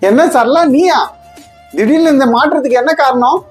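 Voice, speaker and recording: A woman's voice: high-pitched, moderate pace, soft background music, natural voice. A woman playing a patient husband and adoptive father in a comedy skit, speaking in a soothing, coaxing way.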